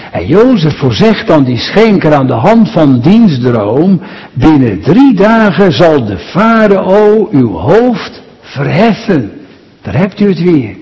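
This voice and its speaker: A pastor preaching a sermon, speaking slowly and with emphasis and addressing the congregation directly. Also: male voice, a little high, a little mellow. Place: church. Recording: dull sound with long church reverb.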